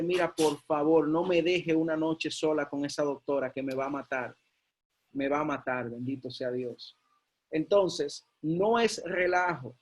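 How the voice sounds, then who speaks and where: A man preaching a sermon, telling a personal testimony with excited repeats and emphatic peaks. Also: high-pitched.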